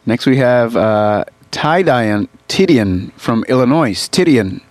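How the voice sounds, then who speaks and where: A man co-hosting a call-in radio show, speaking in a smooth, steady radio host manner from a studio microphone. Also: medium pitch, slow pace, dry recording.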